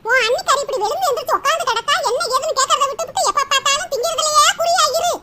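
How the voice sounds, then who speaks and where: A woman's voice: very high voice, very fast, pushed and bright, distant mic. A woman voicing a fussy, fretting mother-in-law, wailing and scolding in turn. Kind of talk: cartoon comedy voice acting.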